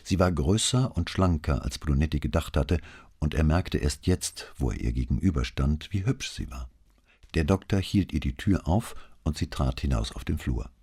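A man narrating a crime novel as an audiobook in a calm, measured reading style. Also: extremely low pitch, husky.

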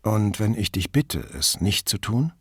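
A man reading an audiobook, voicing a reserved, evasive older beekeeper in a lower, quiet, guarded tone. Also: expressive, unhurried, breathy edge, dry recording, clean studio sound, full character voice. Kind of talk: audiobook character voice.

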